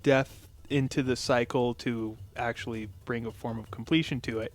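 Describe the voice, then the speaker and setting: A man's voice: mid-range voice, fairly even intonation. A man co-hosting a casual chat about tabletop game lore, joking around and interjecting often. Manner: joking, quick interjections and laughter. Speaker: co-host.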